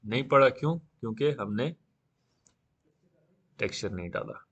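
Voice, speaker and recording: A man teaching a live beginner class on 3D software, talking casually and often saying "okay" while he works. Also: medium pitch, animated, a little slow, slightly rough, dull audio. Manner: casual, repeats "theek hai" often. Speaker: 3D software instructor.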